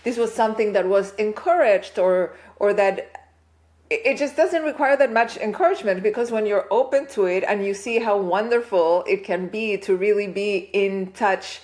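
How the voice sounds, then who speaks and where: A woman's voice: medium pitch, normal speed, darkish tone. A woman from Chile as a podcast guest, talking in a thoughtful, reflective way and often tagging "right?" on her points. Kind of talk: casual interview chat.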